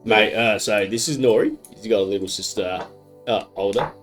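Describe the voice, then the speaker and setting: A man's voice: fairly low pitch, moderate pace, faint music behind. A man chatting casually and matily as a player in a tabletop game. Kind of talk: casual group chat with in-character banter.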